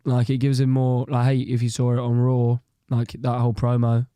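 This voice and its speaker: A man co-hosting a podcast in casual chat, excitable and laughing often as he acts out reactions. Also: medium pitch, normal speed, clean tone, no room sound. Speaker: podcast co-host.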